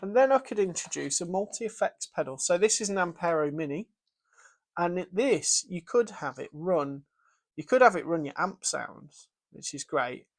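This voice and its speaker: A British man who presents guitar gear casually walks through his pedalboard setup in a demo, thinking aloud with fillers and restarts. His high-pitched voice has lively intonation at normal speed.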